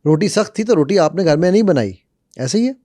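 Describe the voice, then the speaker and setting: Guy on a podcast, lively, tells stories, kinda high voice, dead dry room. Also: dry recording. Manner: animated, lively storytelling and acting out quotes. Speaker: guest speaker on conflict management. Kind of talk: podcast conversation, storytelling with acted quotes.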